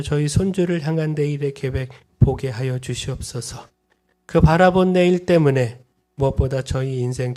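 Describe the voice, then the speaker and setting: A middle-aged male pastor preaching a sermon and closing in prayer, rising to fervent emphasis and then dropping to hushed, earnest pleading. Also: medium pitch.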